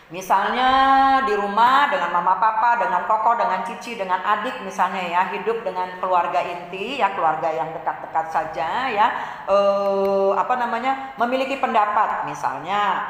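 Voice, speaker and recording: A woman teaching a children's Bible lesson in a gentle, patient way, often repeating points and checking in with "ya". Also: mid-range voice, normal speed. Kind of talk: Sunday-school lesson for children. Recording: echoey room with long reverb.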